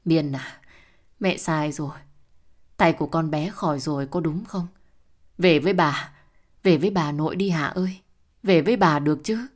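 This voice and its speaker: A woman's voice: low voice, normal speed, pauses often. A woman voicing a remorseful old grandmother who pleads tearfully in an audio story. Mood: pleading.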